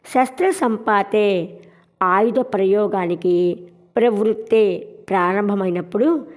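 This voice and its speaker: A woman teaching scripture verses, chanting each line slowly and repeating it, then breaking hard words into syllables. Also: medium pitch. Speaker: Gita recitation teacher. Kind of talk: slow sloka chanting and pronunciation lesson.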